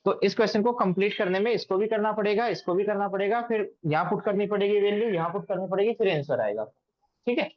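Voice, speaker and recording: A man's voice: sits high, fast talker, muffled recording. A man teaching maths to a class. He asks the students questions and repeats them often. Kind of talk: classroom lecture.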